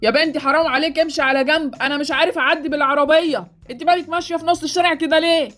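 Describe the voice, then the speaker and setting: An impatient Egyptian driver, played by a woman, who scolds quickly in a fairly high voice. Soft music runs underneath. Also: fairly even intonation. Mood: scolding. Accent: Egyptian Arabic. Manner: scolding, exasperated. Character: impatient grown man driver. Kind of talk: Roblox series voice acting.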